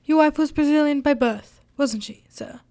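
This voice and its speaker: A woman playing a genial, polite doctor, a detective's gentlemanly companion, in an amateur radio drama. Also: high-pitched, moderate pace. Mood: polite, tactful.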